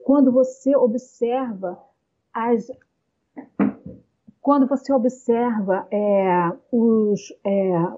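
A woman talking at length in a casual conversation, explaining points slowly with many fillers and pauses. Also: fairly high pitch, warm tone, dull audio. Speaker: guest speaker on communication.

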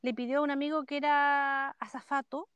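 Calling in from home on her computer mic, this podcast co-host with a Chilean Spanish accent chats casually and spins rambling stories. She speaks briskly in a high-pitched, slightly bright voice with a flat delivery, and the recording is dry with dull audio.

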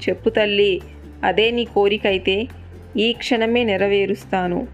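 A woman's voice: medium pitch, fairly even intonation, unhurried, soft background music, natural voice. Hanuman, mighty devoted monkey hero, read by a woman.

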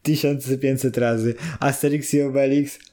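A man co-hosting a loose, casual podcast. He argues heatedly with his partner and swears freely. His voice sits at a middle pitch. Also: steady tone, moderate pace, dark tone. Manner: heated, swears, then laughs. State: irritated. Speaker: podcast co-host.

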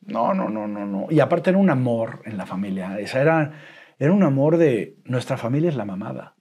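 A man's voice: medium pitch, fairly quick, husky. Mexican man telling a casual story. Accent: Mexican Spanish. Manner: colloquial, profane, animated storytelling with frequent restarts. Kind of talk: casual storytelling in a podcast chat.

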